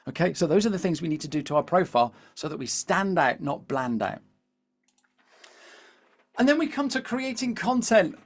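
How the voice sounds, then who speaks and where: A British man leading a live webinar as a coach, chatty and animated, constantly asking the audience to reply in the chat. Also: a little high, normal speed, long pauses. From Britain. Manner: peppers speech with "all right?" and "here's the thing". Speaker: LinkedIn coach.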